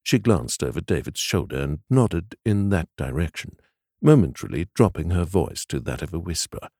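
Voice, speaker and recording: Here a male narrator with a deep voice reads an audiobook, telling the story with measured expression. The sound is studio-clean and dry.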